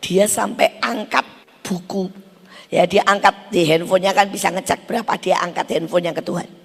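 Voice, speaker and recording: A woman preacher delivering a fiery sermon, swinging from loud shouted bursts down to near whispers. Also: lowish voice, steady tone, moderate pace, gravelly, husky, long reverb tail. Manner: fierce, loud bursts then sudden drops to near whisper.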